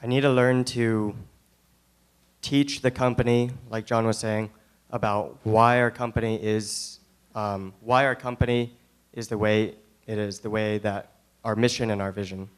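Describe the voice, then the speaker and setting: A man's voice: on the low side, fairly even intonation, a little slow, clear, resonant tone. A man taking part in a workshop, answering a coach hesitantly. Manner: hesitant, searching for words. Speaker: workshop participant.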